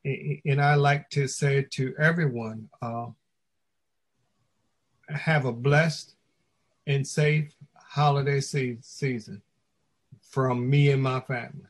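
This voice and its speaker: A man council member speaks slowly and haltingly at a meeting. He repeats words as he feels his way through short remarks. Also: mid-range voice, steady tone.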